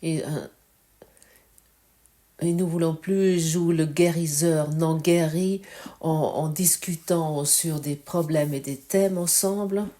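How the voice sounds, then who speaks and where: Slow low-voiced woman teaching. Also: fairly even intonation, warm tone. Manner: reflective, asks the listener direct questions; searching for words, halting. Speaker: spiritual teacher. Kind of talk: spiritual teaching talk.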